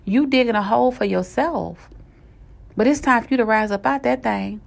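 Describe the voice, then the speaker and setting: A woman's voice: on the high side, moderate pace, vocal fry. A woman giving an earnest, conversational motivational sermon, telling a personal story and speaking straight to her listeners. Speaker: preacher.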